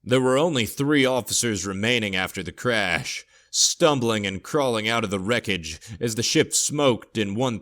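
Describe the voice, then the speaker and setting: A man reads a sci-fi horror tale in a steady, measured way. His voice sits on the low side. The delivery is plain scripted narration.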